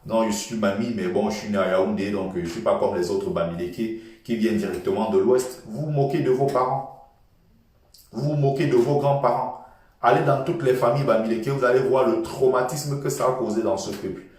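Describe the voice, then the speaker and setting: A man's voice: lowish voice, steady tone, fairly quick, darkish tone, far from the mic. Passionate man lecturing in an echoey room. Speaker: political commentator. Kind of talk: impassioned political monologue.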